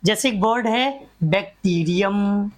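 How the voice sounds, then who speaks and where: A woman's voice: medium pitch, takes it slowly. A woman teaching a grammar class, drilling examples one by one and asking rhetorical questions that she answers herself.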